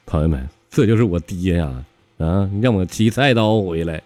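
A man's voice: normal speed, over music. A man with a Northeastern Mandarin accent telling comic stories solo as host of his own show, laughing at his own jokes. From Northeast China. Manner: lively, laughing at his own jokes, jumps pitch for quoted characters.

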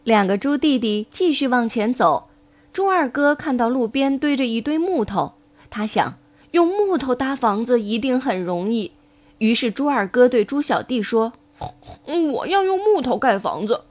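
A woman reading a children's storybook aloud in a gentle, expressive way. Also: fairly high pitch, normal speed.

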